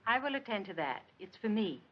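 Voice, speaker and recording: An actress playing a composed young lady who gives crisp orders to her maid. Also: mid-range voice, big pitch swings, brisk, highs cut off. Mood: curt.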